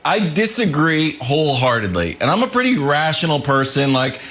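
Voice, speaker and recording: A man with a fairly high voice argues his side on a sports talk show. He is animated and playful, poking fun at the other side as he lays out his case. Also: moderate pace. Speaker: sports debate show co-host. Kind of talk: heated sports debate.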